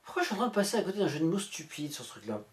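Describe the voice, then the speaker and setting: Sarcastic woman with a lively, bouncing pitch. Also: rapid-fire. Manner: sarcastic, switches between mock voices and asides; swears casually. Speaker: YouTuber. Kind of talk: reading a scam chat aloud with comic asides.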